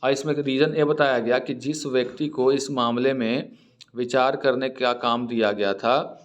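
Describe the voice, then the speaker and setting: A man's voice: mid-range voice, steady tone, highs cut off. Hindi-speaking man teaching English vocabulary. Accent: Indian. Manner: reads English lines slowly, then explains word meanings. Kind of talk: explaining an English newspaper editorial in Hindi.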